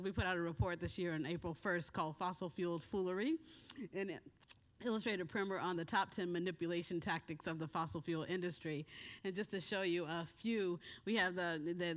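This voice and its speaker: A woman giving a conference talk with slides in a hotel meeting room, rushing through her points and laughing at herself often. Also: lowish voice. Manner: hurried, self-deprecating, laughs often. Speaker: conference speaker.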